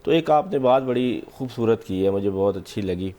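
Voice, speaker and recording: Low mellow-voiced insistent male politician. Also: animated. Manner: insistent, talks over the host. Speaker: opposition lawmaker, guest. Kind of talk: political talk show debate.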